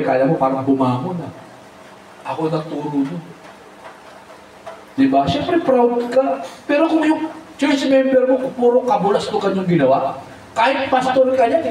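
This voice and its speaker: A man preaching as a pastor, animated and humorous, mixing English phrases and often calling out amen. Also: very high voice, a little fast, distant mic, a little hiss or hum. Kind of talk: Tagalog sermon with humor. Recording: echoey hall, mic from afar.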